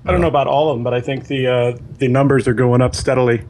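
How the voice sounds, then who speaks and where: Brief: relaxed male co-host, mid pitch, halting speech, faint noise behind. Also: poor audio. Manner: easygoing, hesitant with many fillers. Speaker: podcast co-host. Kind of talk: casual chat.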